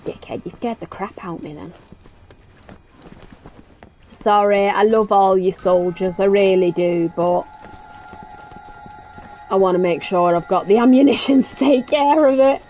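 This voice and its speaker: A woman's voice: medium pitch, normal speed, lo-fi sound. Woman doing let's play commentary, teasing and blunt, faint music under her. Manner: blunt, teasing, swears casually. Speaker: gaming commentator.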